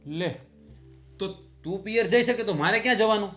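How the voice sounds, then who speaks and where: A man's voice: sits high, moderate pace, fairly bright tone, faint music behind. An actor playing a frustrated elder brother and husband who complains about his family and bickers with his wife. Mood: bickering. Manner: complaining, teasing banter. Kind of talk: family drama acting.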